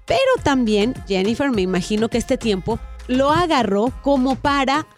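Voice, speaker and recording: A woman presenting celebrity gossip on a radio show in a playful, expressive, chatty way. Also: fairly high pitch, moderate pace, soft background music.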